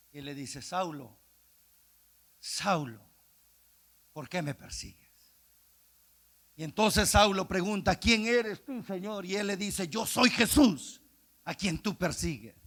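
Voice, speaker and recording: Gravelly, high-pitched shouting preacher man. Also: animated, unhurried, long pauses. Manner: swings from hushed speech to impassioned shouting. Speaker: evangelist preacher. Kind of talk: Pentecostal-style sermon.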